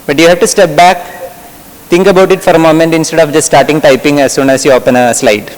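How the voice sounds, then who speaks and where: A middle-aged man from Kerala speaks with a Malayali English accent and a fairly high voice. He talks in a relaxed, conversational way as he gives a workshop lecture and asks the audience questions. His voice rings with the long reverb of a lecture hall. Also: quick pace. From Kerala, India. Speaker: medical lecturer.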